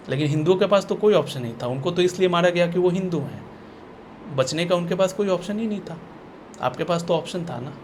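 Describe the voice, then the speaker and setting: Man, slightly raised pitch, blunt sarcastic vlog rant, restarts and repeats lines, faint hiss behind. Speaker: vlogger. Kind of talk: ranting opinion vlog.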